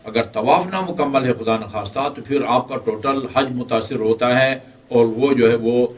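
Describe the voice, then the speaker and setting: Middle-aged male religious teacher, halting lecture delivery, mid pitch, recorded slightly off-mic. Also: far from the mic. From Pakistan. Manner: hesitant, many filler sounds; explains step by step. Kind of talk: Hajj training class lecture.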